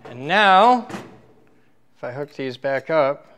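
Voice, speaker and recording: Hosting an equipment teardown series, a man gives a casual hands-on demonstration, talking informally to viewers and muttering to himself as he works, growing animated when he speaks to the audience. He talks slowly at a fairly high pitch, over clear background noise and handling clicks.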